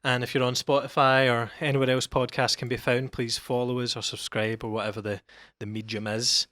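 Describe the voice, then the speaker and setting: A man's voice: medium pitch, level tone, brisk, a bit bright, no room sound, clean studio sound. A young man hosting a casual podcast, chatty and friendly, with loose rambling introductions. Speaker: podcast host.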